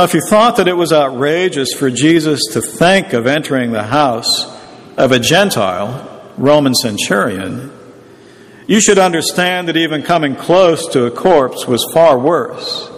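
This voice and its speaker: Man preaching in a reverberant hall. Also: a little high. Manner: measured, explanatory teaching tone. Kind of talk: sermon.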